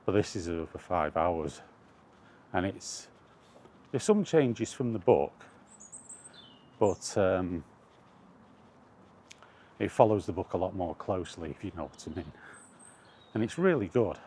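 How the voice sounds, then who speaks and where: A vlogger rambles through a casual walk-and-talk outdoors, hesitant and frequently correcting himself. He has a low, mellow, expressive voice, moves at a measured pace with frequent pauses, and there's slight background noise.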